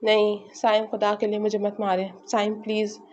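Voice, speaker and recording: A woman's voice: medium pitch, completely flat delivery, mellow, a little hiss or hum, lightly acted. A woman reading a timid, trembling young woman. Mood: terrified. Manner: stammering, trembling. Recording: slightly muffled lo-fi recording.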